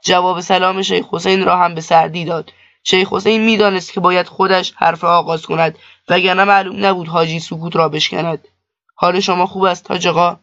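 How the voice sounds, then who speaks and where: A man narrating a story in a steady, measured reading. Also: sits high, dry recording. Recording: dull lo-fi dry recording.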